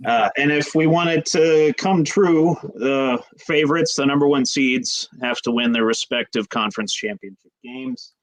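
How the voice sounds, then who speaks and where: A man's voice: mid-range voice, measured pace, few pauses, no echo, rough recording. A man co-hosting a sports podcast, casually giving his game picks with lots of "uh" fillers. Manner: relaxed, hedging picks with frequent "uh". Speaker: podcast co-host.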